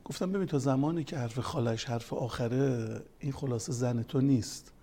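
This family counselor and religious speaker has a warm, mid-range voice. His talk mixes stories from counseling with quoted scripture, and his delivery becomes increasingly emphatic.

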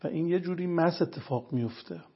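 The speaker is a male guest lecturer on religious health who explains his earnest points in sequence and illustrates them with stories. He has a slightly high, breathy voice, and the sound is lo-fi.

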